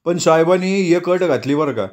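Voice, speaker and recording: Nervous constable, hesitant and pleading, voice pushed up high, played by a male narrator. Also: lively intonation, normal speed, darkish tone, natural voice. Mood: wheedling.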